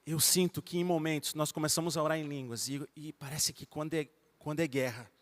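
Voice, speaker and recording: A man with a Brazilian accent preaching an evangelical sermon, fervent, swinging between soft passages and loud ones. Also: on the high side, fairly even intonation, brisk. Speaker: pastor. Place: church hall. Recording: long reverb of a church hall.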